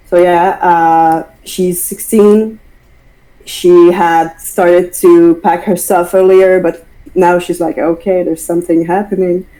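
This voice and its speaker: A woman's voice: fairly low pitch, warm tone, rough recording. A woman player in a tabletop game, describing her character in a hesitant, filler-heavy way.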